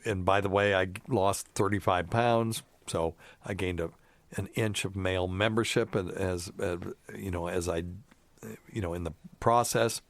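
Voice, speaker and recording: Low-voiced, rambling man, dry studio sound. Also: fairly even intonation, normal speed, dry recording. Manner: rambling, jokey, many fillers. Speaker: podcast host, doctor. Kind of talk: casual chat and ad reads.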